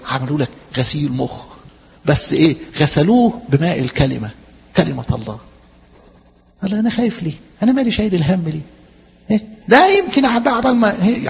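A man with an Egyptian Arabic accent preaching a sermon in a church hall, lively and conversational, full of rhetorical questions. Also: sits high, vocal fry, slightly rough, highs cut off.

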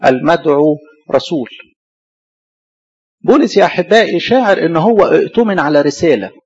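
A man with an Egyptian Arabic accent preaches at a rapid clip, firing rhetorical questions and answering them himself. His voice is husky and sits a little high for a man. The recording is dull and lo-fi. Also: animated, a little mellow. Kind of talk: sermon.

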